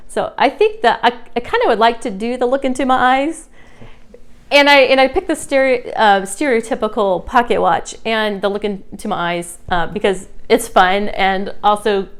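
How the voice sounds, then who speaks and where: A woman's voice: on the high side, moderate pace. A woman instructor explaining hypnosis technique informally, in a conversational, explanatory way with emphasis on key words. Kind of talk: informal demonstration lesson.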